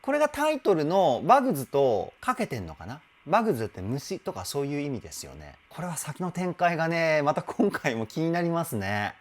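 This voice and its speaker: A male vocal trainer reacts to a music video and breaks it down. His pitch swings widely, up and down, as he moves between excited outbursts and patient, teacherly explanation of technique. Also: brisk, few pauses.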